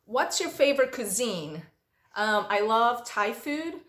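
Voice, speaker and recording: A Portuguese-speaking vlogger reads questions and tells stories in response for her relaxed Q&A vlog. Her voice is a little high and fairly bright, with big pitch swings and a slightly slow pace. The room sounds reverberant.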